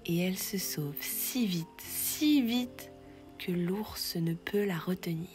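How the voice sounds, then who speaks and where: A woman narrating a children's bedtime story in a soft, half-whispered, gentle voice. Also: on the low side, takes it slowly. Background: faint music.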